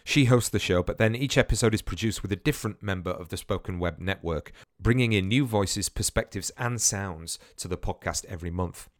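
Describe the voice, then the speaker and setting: On his solo podcast, a man speaks fairly quickly in a low voice with few pauses, chatty and wandering, restarting often and repeating words. The remote headphone setup gives clean studio sound with no room ambience.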